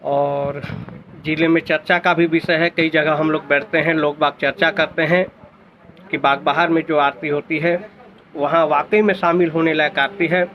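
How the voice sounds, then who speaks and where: A man giving slow, measured festival wishes outdoors and praising the evening prayer in his town. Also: on the high side, flat delivery, muffled recording. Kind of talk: formal greeting to camera.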